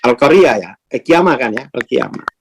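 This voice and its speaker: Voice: mid-range voice, lively intonation, moderate pace, creaky, a little hiss or hum. Teacher, chatty rhetorical style. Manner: conversational, asks rhetorical questions, acts out quoted speech. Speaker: spiritual teacher. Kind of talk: informal class talk.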